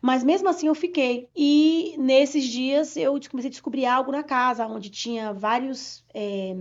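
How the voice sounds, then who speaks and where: A woman from Bahia, Brazil, giving an earnest personal testimony in an interview, talking quickly with many restarts. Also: high-pitched. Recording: dull lo-fi sound.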